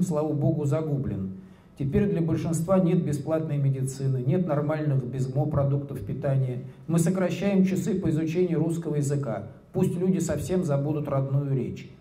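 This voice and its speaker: A man's voice: fairly high pitch, dark tone, lightly acted. A man reading a satirical monologue aloud, voicing a smug cynical male official who addresses his colleagues in a mock-solemn speechmaking tone, into a handheld microphone. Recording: roomy hall with handheld mic.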